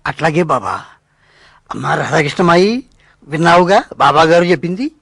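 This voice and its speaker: A man's voice: fairly high pitch, expressive, gravelly, fairly bright tone, slightly rough, dry recording, clean studio sound, full character voice. An actor playing an eager, devoted male disciple who readily agrees. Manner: obliging, quick to agree. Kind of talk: devotional drama dialogue.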